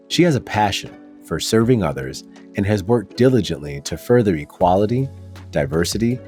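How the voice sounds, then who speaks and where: Hosting a conversational interview podcast, a man with a deep, darkish voice chats easily and sprinkles in fillers such as "you know."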